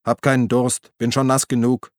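A man voicing a gruff, irritated grown man in an audiobook, speaking curtly and grumbling. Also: mid-range voice, monotone, moderate pace, a little mellow, no room sound, clean studio sound, natural voice. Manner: curt, grumbling. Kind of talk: audiobook reading.

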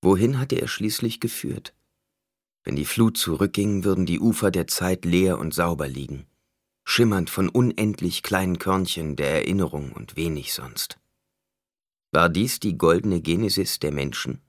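A man narrating an audiobook in a measured, solemn reading. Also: sits low, no echo, studio quality. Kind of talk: scripted narration.

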